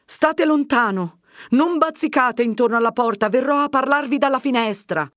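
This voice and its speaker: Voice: mid-range voice, no room sound, clean studio sound, voice pushed up, close to an everyday voice. A reader voicing an anxious older village mother who fires off worried questions. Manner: worried, pleading, rapid questions.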